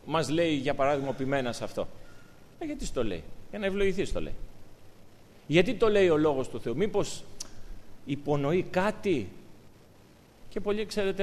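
A man preaching a sermon to his congregation, talking with lively, emphatic rises. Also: on the high side, a little hiss or hum. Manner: animated, rising to emphatic peaks. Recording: long hall reverb.

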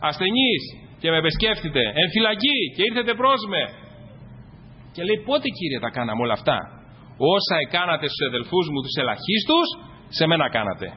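A man preaching a sermon to his congregation, rising to loud exclamations and dropping to quiet asides. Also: high voice, big pitch swings. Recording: dull, echoey hall with faint noise.

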